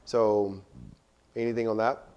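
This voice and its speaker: A man leading a pitch workshop, coaching students and often checking in with "right?". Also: flat delivery, unhurried, mellow, clean tone, lo-fi sound. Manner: frequent "right?" check-ins, encouraging. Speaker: workshop instructor. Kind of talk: coaching feedback in class.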